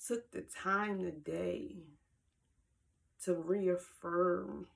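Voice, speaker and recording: A woman speaking slowly and earnestly in a personal vlog, emotional and near tears, repeating words for emphasis, filmed on her own camera at home. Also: fairly low pitch, fairly even intonation, creaky, fairly bright tone. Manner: slow, heartfelt, emphatic repetition. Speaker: vlogger. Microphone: handheld camera.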